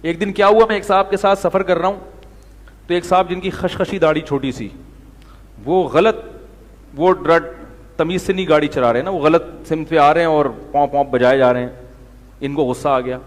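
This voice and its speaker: Man preaching, Pakistani accent, raised pitch, long echoing hall, anecdotal and animated. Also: pauses often. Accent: Pakistani Urdu. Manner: storytelling, acts out quotes with shifting voices. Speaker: Islamic preacher. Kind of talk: conversational sermon.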